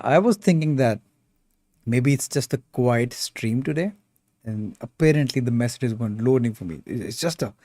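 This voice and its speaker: This young man, a sculpting streamer with an Indian English accent, has a mellow mid-range voice and keeps things relaxed. He reads the chat out loud and addresses viewers as "bro" in casual conversation, with no echo on the audio.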